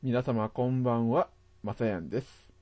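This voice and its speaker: A man's voice: mid-range voice, fairly even intonation, moderate pace, a little mellow, no room sound. A man hosting a radio show and narrating scary stories from a script. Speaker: host of a radio show reading horror stories. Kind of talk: scripted horror story narration.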